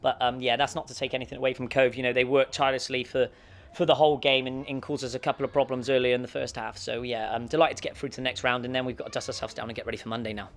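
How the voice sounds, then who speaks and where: A man's voice: mid-range voice, racing. A man in his thirties, a football manager, giving a post-match interview outdoors in an empty stadium stand, talking steadily with many restarts and fillers into a handheld mic. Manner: steady, flat delivery with frequent restarts and fillers. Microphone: handheld mic with windshield held close.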